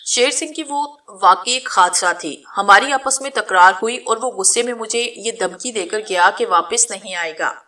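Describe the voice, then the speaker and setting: A woman's voice: fairly high pitch, few pauses, bright, forceful tone, distant mic. A woman reading the part of a proud, willful young noblewoman who speaks commandingly in a storybook reading. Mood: domineering. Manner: commanding, possessive.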